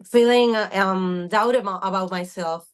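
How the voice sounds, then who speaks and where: A woman's voice: mid-range voice, normal speed, clear, resonant tone. A woman in her thirties, a guest on a podcast, speaking earnestly and searching for her words. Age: 30s. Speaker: podcast guest, fitness coach. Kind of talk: casual interview talk.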